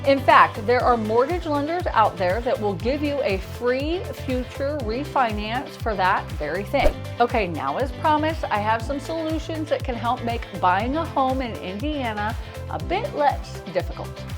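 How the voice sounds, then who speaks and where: A woman's voice: fairly high pitch, expressive, moderate pace, few pauses, over music. An American woman with a lisp and whistling s sounds, presenting a scripted explainer to camera as a realtor and host.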